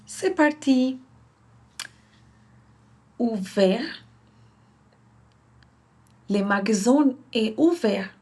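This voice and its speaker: A woman's voice: on the high side, expressive, drawn-out words, long pauses, a little mellow. A woman hosting her own channel, practicing French phrases aloud, repeating each one carefully and correcting herself; French is not her first language. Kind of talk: slow pronunciation practice.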